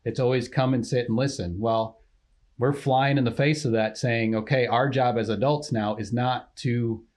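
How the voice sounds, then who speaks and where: A man's voice: medium pitch, fairly even intonation, normal speed, a little mellow. A man co-hosting a casual ministry podcast, explaining earnestly and affirming his partner often. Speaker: ministry leader, podcast co-host.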